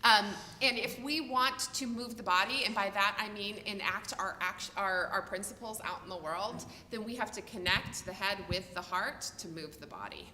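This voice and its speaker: Bright-voiced woman in an echoey hall. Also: medium pitch, moderate pace, few pauses, slight background noise. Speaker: ministerial candidate. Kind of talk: answering questions at a church meeting. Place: church meeting room.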